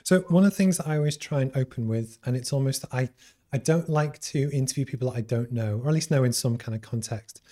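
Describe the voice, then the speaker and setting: Fast-talking Scouse host with a mellow voice. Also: male voice, medium pitch. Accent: light Scouse. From Liverpool, England. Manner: rambling, uses many fillers. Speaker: interview host. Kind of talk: live-streamed business interview.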